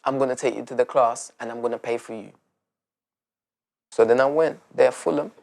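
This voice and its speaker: Gravelly man telling his story. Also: mid-range voice, steady tone, a little mellow. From Turkey. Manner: reflective, halting, frequent restarts. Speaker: interviewee. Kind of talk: documentary interview, personal story.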